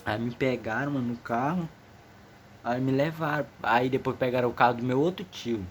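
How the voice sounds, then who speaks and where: A man's voice: mid-range voice, normal speed, a little hiss or hum. Teenage boy, slightly nervous, slangy, rambling, casual storytelling. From Amazonas, northern Brazil. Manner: slangy, rambling, many restarts. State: a bit nervous. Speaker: vlogger.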